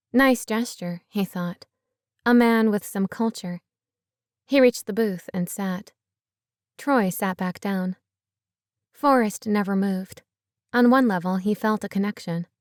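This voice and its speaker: Woman narrator for fiction, even delivery, dry recording. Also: medium pitch, dry recording. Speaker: audiobook narrator.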